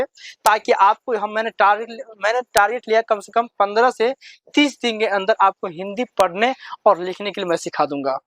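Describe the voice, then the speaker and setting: A man's voice: high voice, a bit bright, dry recording. A man teaching children to read, asking a question and answering it himself in call-and-response drills. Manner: talks to children, slow and repetitive. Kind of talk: lesson, drilling letters.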